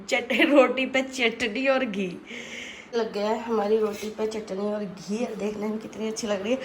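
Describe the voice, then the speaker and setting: A woman's voice: fairly high pitch, noisy background. A woman with a cold chatting casually in a home vlog, talking to her children and viewers. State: has a cold. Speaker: vlogger and mother. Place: home indoors.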